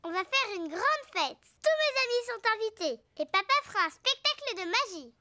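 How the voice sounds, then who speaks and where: A woman voicing an excitable, bossy little girl piglet in a cartoon, with a childlike, exclaiming delivery. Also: very high voice, normal speed, no echo, clean studio sound, heavily acted. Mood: delighted. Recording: music behind the voice.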